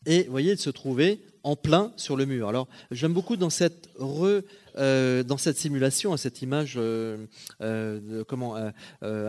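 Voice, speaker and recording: A man's voice: mid-range voice, darkish tone. A man giving a slide lecture on art history, talking in a digressive way with frequent hesitations and self-corrections, often turning to the audience to check they follow. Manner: addresses audience directly, checking understanding.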